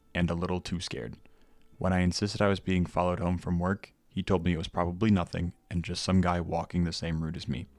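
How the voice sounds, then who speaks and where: A man narrating a scripted horror story in a measured, steady way. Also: low-pitched, dry recording.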